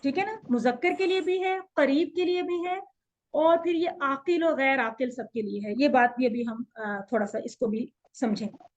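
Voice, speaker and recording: A woman teaching an Arabic class online, explaining patiently and drilling pronunciation slowly. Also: high voice. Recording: dull lo-fi audio.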